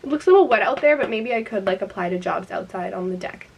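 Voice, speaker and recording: A woman's voice: medium pitch, expressive, fast talker, vocal fry. A young adult woman chatting casually in a vlog, filling her talk with "like.". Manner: chatty, says "like" a lot. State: out of breath. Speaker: vlogger.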